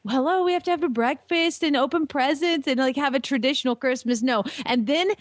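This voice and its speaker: Woman, chatty storyteller, laughs often, fairly high voice, dry close sound. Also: brisk, dry recording. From Atlanta, Georgia. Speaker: radio guest, former country DJ. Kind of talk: casual radio chat.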